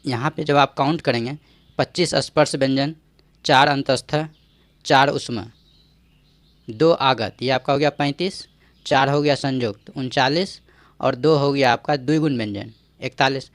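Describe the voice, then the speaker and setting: A man's voice: medium pitch, unhurried, pauses often, dry recording. A man giving an exam-prep grammar lesson, explaining step by step, checking in often and quizzing the viewer with rhetorical questions. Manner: explains step by step with frequent "ठीक है" check-ins. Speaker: teacher.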